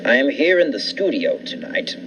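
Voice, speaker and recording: A man playing a haughty, sinister host who introduces a 1940s radio thriller in a dramatic, deliberate, ominous way. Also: medium pitch, big pitch swings. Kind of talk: 1940s radio suspense narration. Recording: distant, noisy mic.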